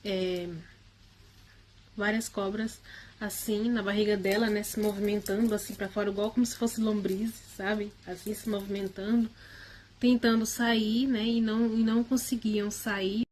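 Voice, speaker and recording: A woman's voice: medium pitch, flat delivery, normal speed, darkish tone, slight background noise. A woman casually recounting a personal spiritual experience in the first person. She speaks hesitantly, with frequent tag questions and restarts.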